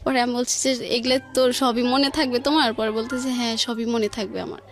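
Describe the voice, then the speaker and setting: A little fast and steady in tone, a slightly high-voiced woman with a Bangladeshi accent tells a personal story in colloquial style. She links one event to the next with quoted lines, and faint music can be heard in the radio studio.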